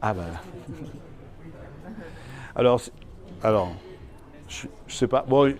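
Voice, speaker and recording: A man with a medium-pitched, slightly mellow voice speaks at a slow pace. He is giving a live masterclass to business leaders on a handheld microphone, addressing his audience directly. Like an emphatic teacher, he stresses and repeats key words.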